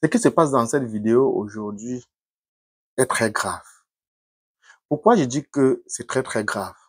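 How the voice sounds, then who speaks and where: A man giving earnest, measured commentary to his viewers in a casual vlog. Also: mid-range voice, darkish tone, slightly rough, no room sound.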